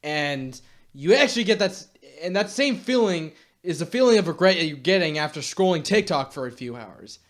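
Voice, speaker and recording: A man's voice: on the high side, expressive, moderate pace. Blunt, exasperated young man ranting. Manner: blunt, exasperated, swears casually. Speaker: YouTube commentator. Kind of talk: direct-to-camera rant.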